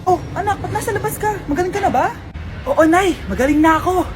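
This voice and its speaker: A woman's voice: extremely high pitch, animated, fast. A woman acting out comedy skits, switching between a mother, her child and other characters. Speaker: comedy skit creator playing several roles. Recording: music playing behind.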